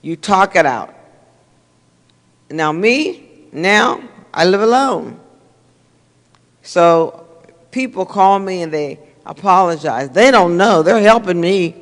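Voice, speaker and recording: A woman's voice: lowish voice, animated, slow pace. An older woman, giving an earnest, repetitive, conversational talk to a congregation as a minister. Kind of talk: sermon-style talk to a congregation. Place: church sanctuary. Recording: reverberant church hall.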